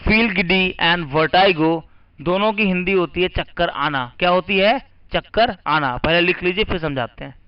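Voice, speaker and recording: A man's voice: high-pitched, lively intonation, normal speed, few pauses, clear, resonant tone. A man teaching English vocabulary, spelling words letter by letter and asking and answering his own questions. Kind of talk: vocabulary lesson. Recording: muffled lo-fi recording.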